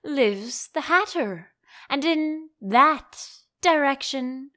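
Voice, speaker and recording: Lady doing a grinning mad storybook cat, super slow n teasing, swoopy cryptic drawl. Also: high-pitched, expressive, sharp tone, pitched above the performer's own voice, exaggerated voice. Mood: languid, amused. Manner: slow, drawn-out, playfully cryptic delivery.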